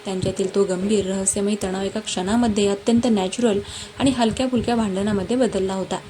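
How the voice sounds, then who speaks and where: A woman narrating a romance story in a dramatic, even-paced reading. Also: medium pitch, fairly quick. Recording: noisy background hiss.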